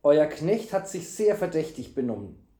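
A man voicing a calm, commanding knight who speaks firmly. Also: a little high, moderate pace. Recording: echoey room.

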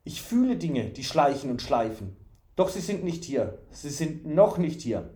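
A man's voice: a little high, sing-song, unhurried, dark tone, echoey room. A man voicing a simple-minded, childlike male fool from the forest, eager and full of repeated questions. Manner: eager, questioning, singsong repetitions.

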